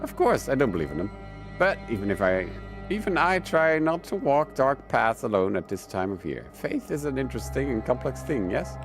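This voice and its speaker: A man's voice: mid-range voice, big pitch swings, moderate pace, soft background music. A man voicing a scarred, stern priest who speaks in a solemn, lecturing way. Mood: dry. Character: scarred older Irish priest, stern and cryptic.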